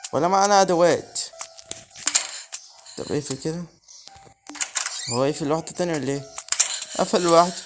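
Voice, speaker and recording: An Egyptian man giving let's play commentary on a horror game, muttering nervously and breaking into sudden yelps. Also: on the high side. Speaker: gaming channel host. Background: game music.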